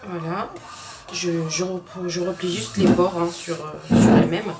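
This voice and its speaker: A woman's voice: on the low side, fairly even intonation, a little slow, heavy background noise. A woman with a Southern French accent, chatting casually as a home cook while she demonstrates a recipe and talks straight to her viewers. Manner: chatty, addresses viewers directly, repeats words often. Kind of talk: casual cooking tutorial. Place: home kitchen.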